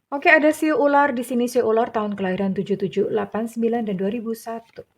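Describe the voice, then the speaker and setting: A woman's voice: a little high, fairly even intonation, fast talker. A middle-aged woman, reading tarot cards in a casual, chatty way, teasing and laughing as she talks. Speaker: tarot reader.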